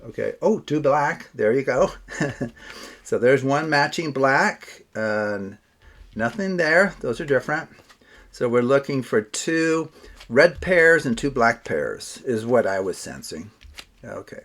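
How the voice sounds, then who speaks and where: A man's voice: medium pitch, expressive, measured pace, fairly bright tone. A man presenting in casual card magician patter, chatty and self-deprecating, talking as if to a participant. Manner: talks as if to a participant.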